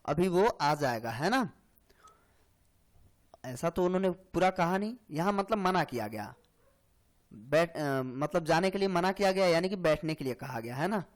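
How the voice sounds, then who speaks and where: High-voiced man teaching grammar. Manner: explains slowly, repeats lines, frequent "hai na" and "theek hai". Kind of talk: exam-prep lecture.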